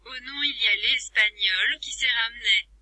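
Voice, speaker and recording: A synthetic text-to-speech woman voice playing a cheeky translator app that taunts the viewers in a flat, computerized delivery. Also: fairly high pitch, moderate pace, no echo. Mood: mocking. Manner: teasing, insults viewers as losers. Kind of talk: computer-voiced vlog bit.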